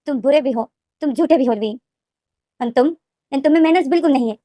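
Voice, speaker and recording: A woman's voice: sits high, fairly quick, mellow, no echo, studio quality, close to an everyday voice. A woman voicing a confused young man who speaks in blunt, plain statements, in a storybook retelling. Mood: stern.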